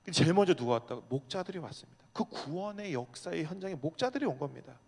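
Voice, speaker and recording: A young adult male pastor preaching, animated, swinging from quiet asides to loud pleading prayers. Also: on the high side, fast talker, gravelly, breathy edge. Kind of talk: sermon to a young adults' service. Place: church sanctuary. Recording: long hall reverb.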